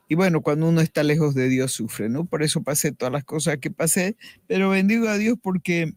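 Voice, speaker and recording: A woman's voice: low-pitched, darkish tone, no room sound. Middle-aged woman, radio guest, earnest faith testimony, reflective, dry close studio sound. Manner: earnest, reflective storytelling with frequent restarts.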